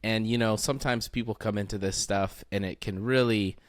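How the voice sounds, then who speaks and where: A man interviewing a guest, with a smooth, resonant, somewhat low voice. He asks encouraging, friendly questions. The sound is dry and close. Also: steady tone, brisk, no room sound. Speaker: interview host. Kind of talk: casual interview.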